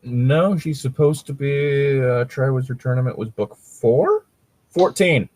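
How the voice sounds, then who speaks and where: A man co-hosts a show where he reads and mocks fan fiction, chatting casually, joking, and ranting sarcastically with lots of swearing. His mid-range voice has a darkish tone and a measured pace, captured in a dry recording.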